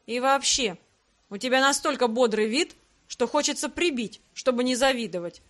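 A woman's voice: high voice, moderate pace, fairly bright tone. A woman voicing a sleepy, grumpy young man who complains indignantly. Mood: grumbling.

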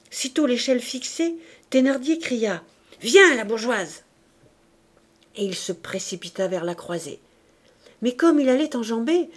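A woman reading a classic novel aloud as an audiobook narrator, clear and measured. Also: medium pitch, dark tone. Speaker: audiobook reader.

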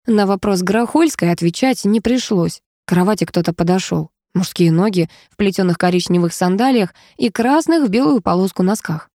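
A woman reading a story aloud in a lively, expressive manner. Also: medium pitch, normal speed, few pauses, dry recording, studio quality. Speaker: audiobook narrator. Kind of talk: scripted narration.

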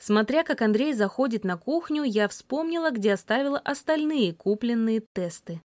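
A woman narrating a first-person novel as an audiobook, lively and voicing the heroine's sharp retorts. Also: fairly high pitch, normal speed, no echo, clean studio sound.

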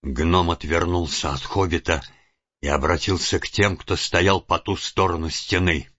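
A man narrates an audiobook in a very low, husky voice. He tells the story in a steady, even manner. The recording is dull and lo-fi, with faint music underneath. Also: a little slow, no room sound. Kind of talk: scripted narration.

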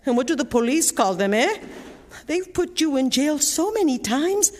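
A woman's voice: sits high, sing-song, moderate pace, darkish tone. A woman playing a loving, teasing middle-aged mother with a Mexican accent, fussing over her family.

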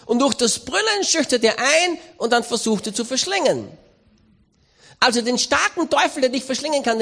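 A man, a missionary preacher giving a lively sermon with stories and raised emphasis. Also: very high-pitched. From Austria. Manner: animated, storytelling, raising voice for emphasis.

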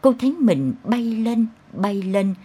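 A woman narrating a dark literary story in an intense, expressive way. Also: mid-range voice, slow, husky. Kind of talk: dramatic audiobook narration.

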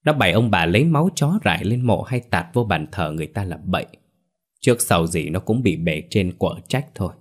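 A man playing an older spiritual master who speaks calmly and with authority. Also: low voice. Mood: stern calm. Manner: calm, measured, authoritative. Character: older male spiritual master, calm and stern.

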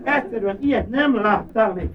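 A man's voice: high-pitched, muffled recording, close to an everyday voice. A man performing a live cabaret monologue as a boastful, rambling male asylum inmate who keeps buttonholing his listener. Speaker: cabaret comedian. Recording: hissy old cassette of a live show with loud audience laughter.

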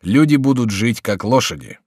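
A man reading the part of a young French admiral, brisk and commanding, in an audiobook. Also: mid-range voice, expressive, darkish tone, slightly rough, dry recording, studio quality.

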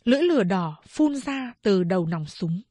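A woman narrating a novel in a measured, expressive storytelling voice. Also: mid-range voice, dry recording, clean studio sound. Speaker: audiobook narrator.

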